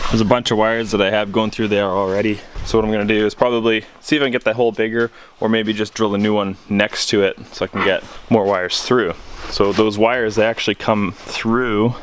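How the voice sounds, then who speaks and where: In and around his parked truck, a male vlogger gives a casual, rambling hands-on walkthrough of his radio install, explaining things informally with plenty of slang. His voice is on the low side with a steady tone and moderate pace. A little hiss or hum runs underneath.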